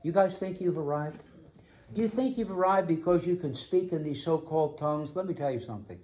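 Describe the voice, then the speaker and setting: Man, pastor, sermon in a church, emphatic, slows for emphasis, slightly raised pitch. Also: animated, warm tone. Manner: emphatic, slows down to stress key phrases.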